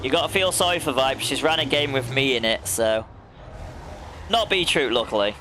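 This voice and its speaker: A man's voice: mid-range voice, animated, normal speed, bright, forceful tone, slight background noise. A young man streaming a racing game, chatting casually, laughing often and addressing viewers by name. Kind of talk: casual chat while gaming.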